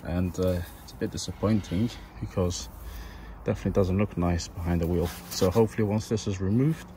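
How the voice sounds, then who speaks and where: A bit of hiss or hum sits under this low-pitched, slightly quick male voice. The car vlogger narrates his brake-caliper repaint in easygoing DIY style, chatting to viewers as he keeps working.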